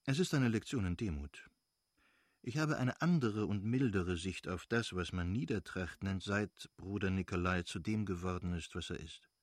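A man reading the part of a confident older brother who lectures in a brisk, assured way. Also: low voice, dry recording, studio quality. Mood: reflective.

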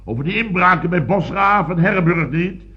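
A man's voice: sits high, lively intonation, a little fast, lo-fi sound. An actor playing a fussy, pompous rich businessman in a radio comedy, blustering and exclaiming. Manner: blustering, exclamatory, self-mocking.

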